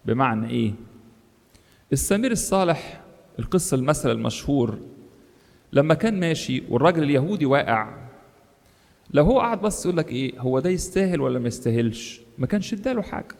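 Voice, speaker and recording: A man with an Egyptian Arabic accent preaching a sermon, animated, jumping up in pitch for quoted voices and emphasis. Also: quick pace, gravelly, long pauses. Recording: long hall reverb.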